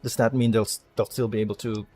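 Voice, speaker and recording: A male video game streamer gives casual commentary, thinking aloud and muttering half-formed plans with some mild swearing. He talks fast in a lowish, darkish, level voice, with faint music behind him.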